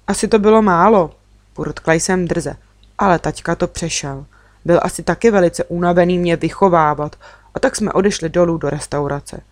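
A woman's voice: on the low side, no echo. Woman reading a children's story aloud. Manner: even, storytelling, first person. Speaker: audiobook reader. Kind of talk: children's audiobook narration.

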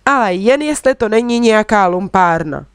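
A woman's voice: mid-range voice, animated, smooth, dry recording, studio quality, natural voice. A woman doing a doubtful, cautious mother. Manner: doubtful, thoughtful.

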